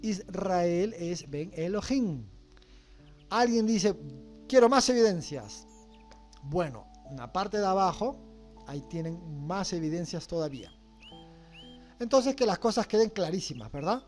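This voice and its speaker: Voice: mid-range voice, expressive, unhurried, a little mellow, faint music behind. A religious studies teacher, lecturing a class and checking understanding with repeated rhetorical questions.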